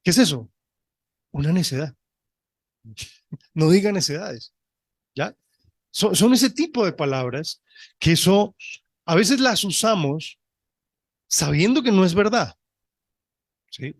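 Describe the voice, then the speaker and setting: A male pastor preaching a sermon, reading scripture deliberately and often checking in with his listeners. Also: high-pitched, big pitch swings, no room sound. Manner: reads scripture slowly and deliberately.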